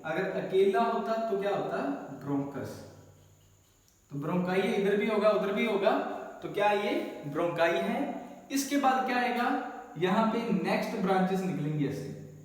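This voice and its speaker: Male science tutor, high voice, repeats key slowly; recorded in a very reverberant room. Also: animated. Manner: asks questions then answers them himself. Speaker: science teacher. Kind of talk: classroom lecture. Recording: very echoey room with long reverb.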